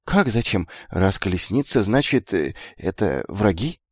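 A man's voice: on the low side, very animated, measured pace, breathy edge, no echo, studio quality, exaggerated voice. A man voicing a timid, naive teenage boy on guard duty, speaking hesitantly, in an audiobook. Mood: puzzled.

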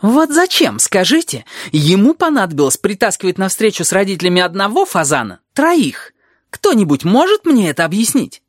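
A reader voicing a fuming, sharp-tongued teacher woman. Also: mid-range voice, big pitch swings, moderate pace, hardly any pauses, no echo, studio quality, pitched above the performer's own voice, natural voice. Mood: indignant. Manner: indignant, fuming. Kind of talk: audiobook character voice.

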